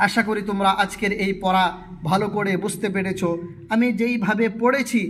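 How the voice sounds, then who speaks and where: A man teaching a Quran reading lesson, spelling out letters and syllables slowly and correcting students' pronunciation. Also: high voice, steady tone, a bit bright.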